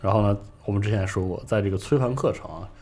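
Man, low voice, quick pace, casual rambling storyteller, podcast host. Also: a little mellow. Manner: rambling, many fillers and restarts. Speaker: podcast host recounting game lore.

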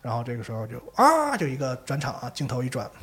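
A man hosting a podcast, telling a ghost story in a casual, animated way and acting out the characters. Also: mid-range voice, quick pace.

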